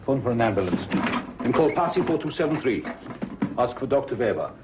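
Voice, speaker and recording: Actor as a terse, grave doctor, expressive pitch. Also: male voice, a little fast, close to an everyday voice. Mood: urgent, commanding. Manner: terse, clipped, commanding, gentle with the patient. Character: grave, commanding yet tender male doctor. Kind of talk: 1940s film drama acting. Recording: dull, noisy 1940s film soundtrack.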